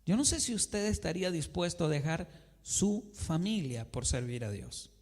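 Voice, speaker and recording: A man's voice: fairly high pitch, big pitch swings, normal speed, a little mellow. A man preaching a sermon in a church, who asks his congregation questions and answers them himself and acts out conversations between a believer and God. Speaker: pastor. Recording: long reverb of a church hall.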